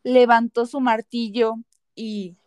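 High-voiced woman narrating myths. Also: flat delivery, takes it slowly, muffled recording, heavy background noise. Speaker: podcast narrator. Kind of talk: scripted dramatic storytelling.

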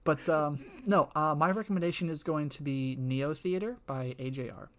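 This young podcast co-host talks at a normal speed in a high-ish, fairly bright voice. His chatter wanders, leans heavily on "like," and is full of laughter.

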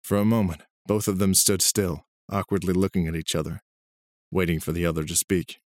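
A man narrating a storybook in a steady, even reading voice. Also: low-pitched, fairly quick, no room sound.

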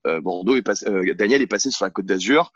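Sitting on his couch at home and recording himself on a camera mic, a man who coaches sports talks as a podcast guest in a casual interview, blunt and outspoken, often hesitating and restarting. He is low-pitched, expressive and fast; the sound is dry and muffled.

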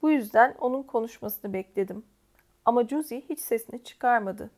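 Woman reading audiobook, calm and measured, kinda high voice. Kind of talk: audiobook narration.

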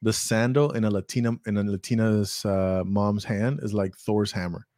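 A man's voice: on the low side, fairly even intonation, moderate pace, darkish tone, dry recording, studio quality. A man co-hosting a podcast, chatting casually with a playful, teasing manner. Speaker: podcast co-host. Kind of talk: casual chat.

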